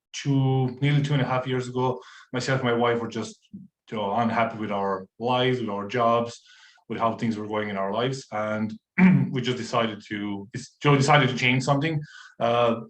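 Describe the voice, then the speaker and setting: A man from Croatia in his thirties, a podcast guest telling his story in relaxed, casual conversation full of fillers and restarts. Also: mid-range voice. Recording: roomy echo.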